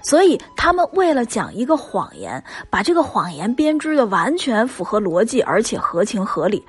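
Woman relationship coach, higher, husky voice, lively emphatic delivery, faint music underneath. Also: normal speed. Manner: emphatic, chatty, rhetorical questions. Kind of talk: spoken lesson to listeners.

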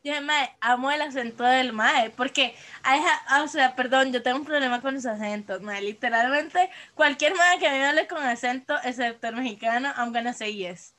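A young woman with a Costa Rican accent talks in relaxed slang and often slips into English. Her voice is high and sharp-edged. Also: fairly quick, hardly any pauses. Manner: slangy, mixes in English phrases. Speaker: co-host. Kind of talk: casual chat.

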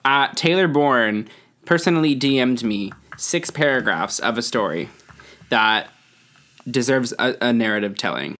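Low-voiced giggly woman. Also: lively intonation, a little slow, fairly bright tone. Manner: crude jokes, giggly, reads listener story aloud. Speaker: podcast co-host. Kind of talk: casual tipsy banter.

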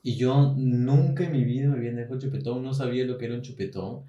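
A man's voice: medium pitch, warm tone, far from the mic, highs cut off. Peruvian man telling a story, roomy. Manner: candid, laughs often, quick asides. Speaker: podcast co-host. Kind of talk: casual storytelling chat. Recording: roomy echo, voice a bit off-mic.

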